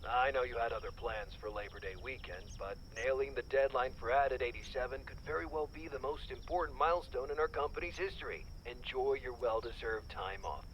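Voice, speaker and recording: A man plays a brisk office boss who teases on a phone call in a story game. His voice sits mid-range. Faint noise lies under it. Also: mid-range voice, a bit bright, lightly acted. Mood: teasing. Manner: brisk, teasing.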